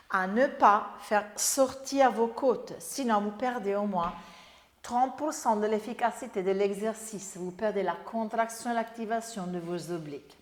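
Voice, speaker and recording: A woman instructor leading a Pilates workout, upbeat, giving brisk exercise and breathing cues. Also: fairly high pitch. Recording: echoey room with long reverb.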